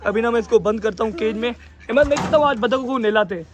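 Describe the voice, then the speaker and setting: A man's voice: very high voice, quick pace, noisy background. A young man chatting casually in a pet vlog, coaxing and scolding a child while handling birds by the cages. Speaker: pet vlogger.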